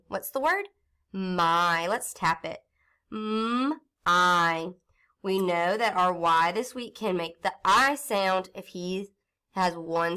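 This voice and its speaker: A woman teaching phonics to young children in a recorded lesson, speaking slowly and carefully. She sounds out each letter step by step and keeps an encouraging tone. Her pitch sits in the middle range. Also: pushed and bright. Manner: encouraging, storybook read-aloud.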